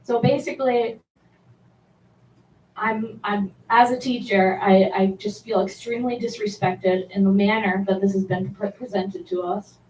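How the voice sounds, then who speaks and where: Impassioned teacher, roomy meeting hall. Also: female voice, mid-range voice, fairly even intonation, darkish tone, far from the mic, a little hiss or hum. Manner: impassioned, halting, with frequent restarts. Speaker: elementary school teacher giving public comment. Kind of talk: public comment at a board meeting. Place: public meeting room. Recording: roomy hall, speaker away from mic.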